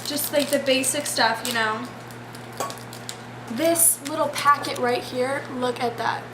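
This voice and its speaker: A woman's voice: sits high, steady tone, slow. A young woman chatting casually as she hosts a vlog. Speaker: vlogger. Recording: noisy echoey room, clattering dishes.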